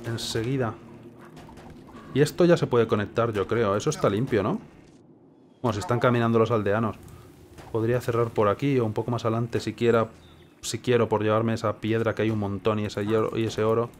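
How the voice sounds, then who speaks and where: Low-voiced Spanish man thinking aloud while gaming. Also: steady tone, fairly quick, a little hiss or hum. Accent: Castilian Spanish from Spain. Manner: self-questioning, musing to himself. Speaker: gaming video host. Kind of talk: casual gameplay commentary, thinking aloud.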